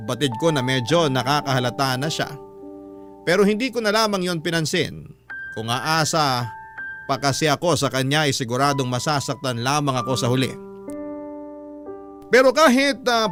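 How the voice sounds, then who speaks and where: A man reading a letter aloud in steady first-person radio storytelling that is addressed to the host. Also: on the high side. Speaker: letter reader. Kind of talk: scripted radio narration. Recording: narration over loud music bed. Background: background music.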